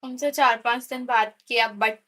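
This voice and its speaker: A woman's voice: fairly high pitch, fairly even intonation, very fast, a bit bright. A woman streamer from India with an Indian accent, chatting casually and mixing Hindi and English on a live game stream. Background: game audio.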